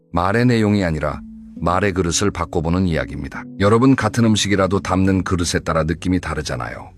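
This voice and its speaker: A deep-voiced man narrates a scripted advice talk. He speaks in a steady, measured and instructive way. Faint music plays softly behind him.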